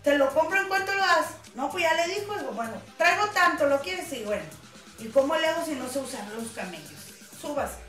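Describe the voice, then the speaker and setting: A high-pitched woman spins jokes in an animated, chatty way and laughs through her punchlines. She sits some distance from the mic in an echoey TV studio with music playing behind. The sound is roomy and distant. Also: fairly quick. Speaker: guest actress. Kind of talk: chatty joke-telling.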